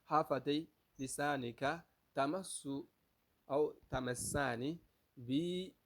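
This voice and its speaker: A man's voice: on the high side, slow. A man teaching Arabic pronunciation, who repeats each letter sound aloud several times, asks the class if they follow, and switches between English and Arabic. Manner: asks the class rhetorical checks. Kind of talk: pronunciation lesson.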